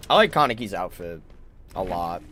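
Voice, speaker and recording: Animated man muttering over gameplay. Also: low voice, moderate pace, a little hiss or hum. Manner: thinks aloud, mutters and swears at the game. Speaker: gaming channel host. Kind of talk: live gameplay commentary.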